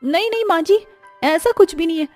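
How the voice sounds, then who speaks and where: A woman's voice: high-pitched, normal speed, darkish tone, soft background music, voice pushed up, close to an everyday voice. A woman voicing a timid young newly married bride who pleads with her mother-in-law. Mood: pleading. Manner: pleading, tearful.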